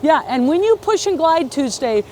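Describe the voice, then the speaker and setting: A woman whose high-pitched voice is very animated yet a little mellow runs a hands-on beginner ski lesson outdoors at a moderate pace. She encourages and guides step by step, often asking short questions like "okay" and "right," with faint noise behind her.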